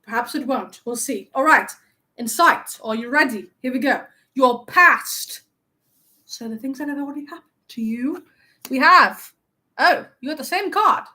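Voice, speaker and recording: A vain, playful young wizard who loves compliments, played by a woman in her own high voice. He teases his viewers and acts wounded when they tease back, keeping up a chatty live-stream role-play. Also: expressive, unhurried, bright, forceful tone, exaggerated voice. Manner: playful, teasing, mock-offended. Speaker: livestream host.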